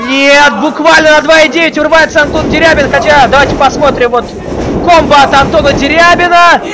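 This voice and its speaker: A man doing excited live play-by-play as a wrestling commentator, calling out move names and drawing out key words. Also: extremely high pitch, brisk. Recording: crowd noise of a live event. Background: live wrestling crowd.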